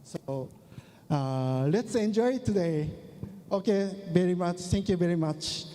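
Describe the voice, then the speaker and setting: Halting man with a mellow voice. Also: sits high. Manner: halting, many fillers, non-native phrasing. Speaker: speaker. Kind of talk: closing remarks to an audience. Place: large conference hall. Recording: hall reverb with faint noise.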